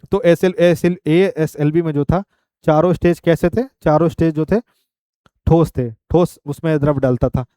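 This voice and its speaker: A male teacher gives an exam-prep lecture. He moves step by step through the material and keeps checking in with the class. His voice sits fairly high, with a mellow, smooth tone, recorded close and dry. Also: no room sound. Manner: explains step by step, with frequent "ठीक है" checks.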